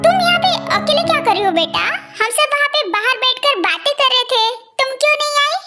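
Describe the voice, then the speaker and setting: A woman voicing a warm, motherly older woman who gently soothes and teases, in a fan voice-dub story. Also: very high voice, sing-song, fast, exaggerated voice. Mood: soothing. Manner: soothing, calls others "beta". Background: loud music.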